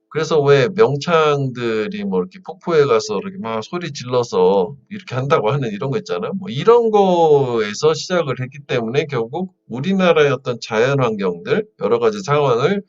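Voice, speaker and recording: A man's voice: mid-range voice, recorded from a distance, lo-fi sound. A man teaching a lesson on an English reading passage in a casual, chatty way, asking his students if they follow. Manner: casual spoken style, fillers, asks students checking questions.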